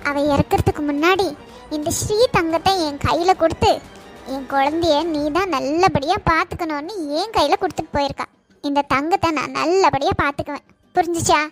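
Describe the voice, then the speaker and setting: A woman voicing a gentle, caring cartoon aunt. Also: high voice, brisk, lightly acted. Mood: soothing. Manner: soothing, affectionate, pleading. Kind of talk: cartoon voice acting. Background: faint background music.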